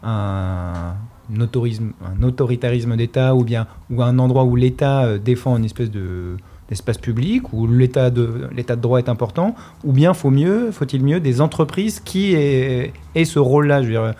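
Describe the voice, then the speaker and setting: A man's voice: mid-range voice, lively intonation, moderate pace, warm tone. A man arguing a point in a casual debate, often restarting his sentences.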